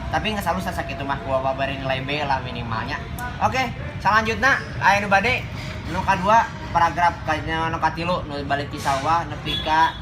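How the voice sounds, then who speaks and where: A man's voice: on the high side, moderate pace, background noise, close to an everyday voice. A man playing a teacher who gives instructions and feedback on reading aloud in a school skit.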